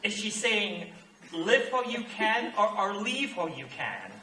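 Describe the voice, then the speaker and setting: A man's voice: high voice, sing-song, moderate pace, pushed and bright, heavily acted. An actor playing a wistful male theater fan who chats and muses to the audience. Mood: musing. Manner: chatty and confiding, musing aloud. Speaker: narrator of the musical. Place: theater stage. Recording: echoey stage from far off, light noise.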